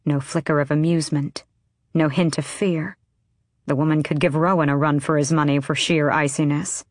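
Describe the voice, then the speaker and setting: A woman narrating a fantasy audiobook in a measured, even storytelling manner. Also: deep voice, no room sound, clean studio sound. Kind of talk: scripted narration.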